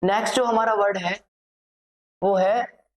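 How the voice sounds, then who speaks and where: A woman's voice: mid-range voice, steady tone, unhurried, low-quality recording. A woman teacher giving a vocabulary lesson for exam students, explaining English words in Hindi and repeating each word while she dictates lists.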